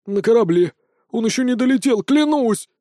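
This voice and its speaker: A man's voice: high voice, normal speed, mellow, no echo, clean studio sound, voice pushed up. A man voicing a frightened male villain, a lord of beetles, who pleads and begs in an audiobook. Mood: begging. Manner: pleading, panicky. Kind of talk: audiobook character voice.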